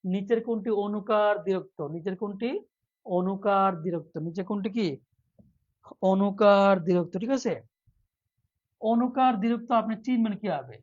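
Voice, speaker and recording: A man's voice: high-pitched, normal speed, long pauses, dull audio. A male teacher leading a live online lesson for job exams, repeating each question again and again to quiz his viewers. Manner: reads viewer comments aloud, softer.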